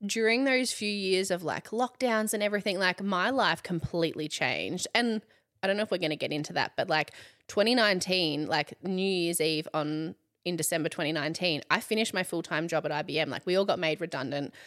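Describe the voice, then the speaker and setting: A woman's voice: on the low side, a little fast, a bit bright. A woman in her thirties with an Australian accent, a chatty interview guest who fills her talk with "like" and laughs often. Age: 30s. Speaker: guest, content creator. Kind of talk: casual interview chat.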